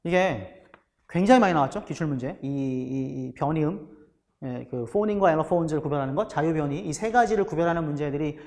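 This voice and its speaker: A man teaching a lecture class in a high, bright voice. He keeps asking questions and answering them himself. A long reverb fills the room around him. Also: brisk. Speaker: English teacher for exam prep. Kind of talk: recorded lecture.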